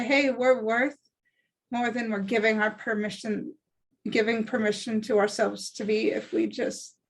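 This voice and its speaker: A woman in her thirties hosting a casual video-call chat, earnest and often giggling as she teases. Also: fairly high pitch. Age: 30s. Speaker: club owner and discussion host.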